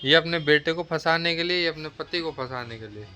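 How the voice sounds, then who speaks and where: A young man with a bright, slightly raised voice jokes and teases his partner while addressing viewers in a casual home vlog. His delivery is playful banter. Faint ambience plays in the background. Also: on the high side, brisk, slight background noise. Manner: joking, teasing banter. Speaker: vlogger. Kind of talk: casual couple vlog chat.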